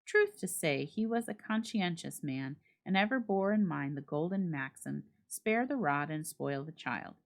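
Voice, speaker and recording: A woman gives a dramatic literary reading of a classic short story, narrating in a measured, expressive storytelling style. Her voice sits low and has a creaky quality.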